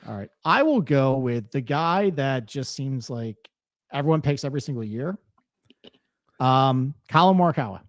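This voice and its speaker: A man's voice: mid-range voice, expressive, normal speed, no echo, clean studio sound. A man co-hosting a podcast in casual chat, loose and easygoing, laughing often. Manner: chatty, laughs easily, loose pacing with fillers. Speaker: podcast co-host.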